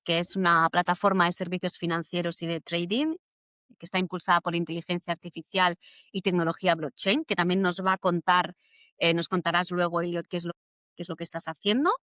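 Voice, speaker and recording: A woman's voice: fairly low pitch, no echo, studio quality. Chatty woman host. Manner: chatty, animated storyteller. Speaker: podcast host. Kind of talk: casual interview.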